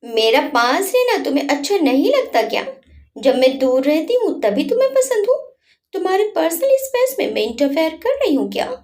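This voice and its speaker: A woman's voice: very high-pitched, big pitch swings, normal speed, a little mellow. A woman voicing a young wife in a storybook reading, pleading and emotional. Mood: hurt. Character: young wife, playful, then hurt and tearful.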